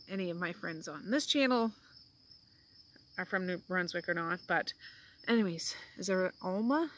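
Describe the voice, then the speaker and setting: A woman's voice: on the low side, a bit bright. A middle-aged woman hosting a casual book chat over tea at home, talking in a rambling, homey way. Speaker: book vlog host. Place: home, indoors.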